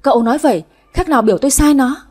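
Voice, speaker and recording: A woman voicing a quick-tempered older mistress of the house who scolds harshly and fast, in a storybook reading. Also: high-pitched, lively intonation, a little mellow, voice pushed up. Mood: scolding. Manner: scolding, harsh, rapid-fire.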